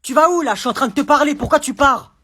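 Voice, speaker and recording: A man voicing a furious, strict mother who shouts and scolds her son without pause. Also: high-pitched, sing-song, pitched above the performer's own voice. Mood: yelling. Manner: shouting, bossy, relentless.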